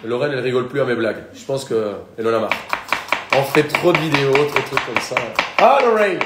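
A man's voice: medium pitch, fast, roomy sound, heavy background noise. A young man with a Colombian accent, a chef chatting and joking with viewers during a live cooking demonstration.

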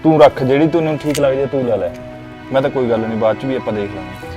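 A man's voice: medium pitch, quick pace, mellow, lightly acted. A man acting a younger brother who is weary of the family fights and readily gives way to his elder brother. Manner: weary, accommodating. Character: younger brother fed up with daily quarrels. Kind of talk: family comedy skit acting. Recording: echoey room with music.

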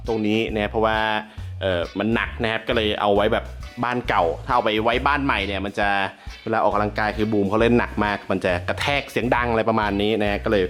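A man hosting a casual vlog from around a house, excitable and joking, swearing freely and talking straight to his viewers. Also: lowish voice, fast talker, faint music behind. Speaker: YouTube host.

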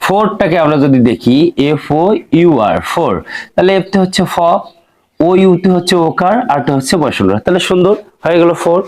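A man with a voice a little on the high side explains English spelling rules in a steady, patient classroom manner. He breaks each word into its sounds one by one and asks rhetorical questions to keep listeners along. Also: fairly quick. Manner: patient, step-by-step, asks and answers his own questions. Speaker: English phonics teacher.

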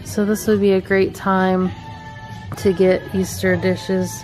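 Holding a camera as she shops a home decor store, a middle-aged vlogger chats and gushes over cute pieces. Her darkish mid-range voice is flat and slow, faint music plays behind, and the recording is rough.

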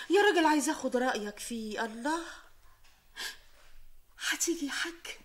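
A woman's voice: a little high, close to an everyday voice. Woman playing a bossy Egyptian mother. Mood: sweet. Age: middle-aged. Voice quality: loud, scolding, quick to laugh. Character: bossy, sharp-tongued middle-aged mother and wife. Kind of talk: film acting.

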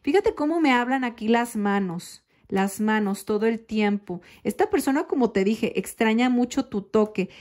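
Brief: woman tarot reader, fairly high voice, slow, intimate, emphatic. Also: lively intonation, darkish tone. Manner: addresses listener as "corazón", slow and emphatic. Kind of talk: intimate direct-to-camera tarot reading.

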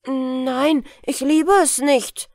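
Woman as young boy under a spell, blunt, loud, dry close mic, fairy tale audiobook. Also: sits high, steady tone, drawn-out words, vocal fry, no echo, voice pushed up, full character voice. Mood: cold defiant. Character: young boy, sulky and bewitched.

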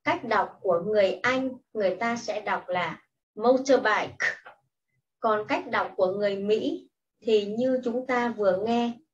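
A woman teacher giving patient, step-by-step instructions in a slow classroom style. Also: mid-range voice. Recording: distant, muffled mic with faint hiss.

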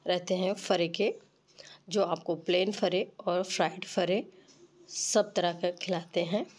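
Low female voice, stuffy nose from a cold, informal step-by-step cooking narration. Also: a little mellow. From Uttar Pradesh, India. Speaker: cooking channel host. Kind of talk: recipe tutorial narration.

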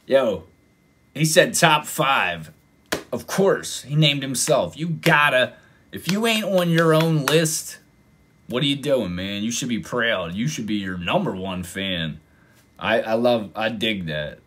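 A man hosting a reaction video, casually commenting and getting excited, sometimes exclaiming loudly. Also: mid-range voice, slow, background noise. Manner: excitable, exclaims and breaks into mock voices.

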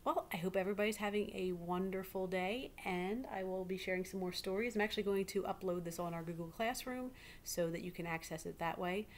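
A middle-aged woman with a mid-range voice reads a picture book aloud to pupils like a teacher, expressively, pausing to ask the young listeners questions. She's in a small indoor living room, and the home webcam recording is clearly noisy.

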